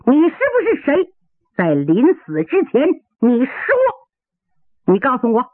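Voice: high-pitched, wildly swooping pitch, unhurried, no room sound, pitched above the performer's own voice, heavily acted. A traditional storyteller voicing a scheming, ruthless martial-arts villain who sneers and gloats through gritted teeth, heard over a tinny radio broadcast. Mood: gloating.

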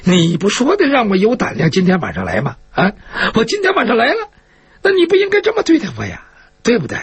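A man's voice: very high voice, wildly swooping pitch, fast talker, breathy edge, heavily acted. Man doing a stammering cowardly bandit. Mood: pleading. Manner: stammering, pleading.

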